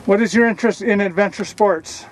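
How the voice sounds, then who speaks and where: A man's voice: high voice, fairly quick, a little hiss or hum, rough recording. A man interviewing off to the side, asking brief direct questions.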